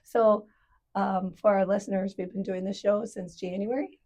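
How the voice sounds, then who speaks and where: A woman hosting a casual podcast, her voice hoarse from a cold, chatty and curious. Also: medium pitch, steady tone, normal speed, warm tone. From Wisconsin. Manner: chatty, laughs often, asks curious questions. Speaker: podcast host, financial advisor.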